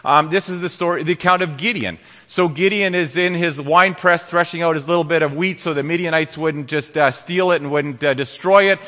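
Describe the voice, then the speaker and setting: A man preaching a sermon, reading scripture and explaining it with earnest, halting restarts. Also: a little high, sharp tone. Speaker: pastor. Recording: long hall reverb.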